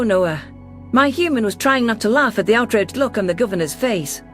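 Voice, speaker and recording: Lightly acted and on the high side, a woman's voice brings to life a protective, defiant female alien ambassador. She recounts her tale with earnest assertiveness in first-person narration and dialogue for a science fiction audio drama.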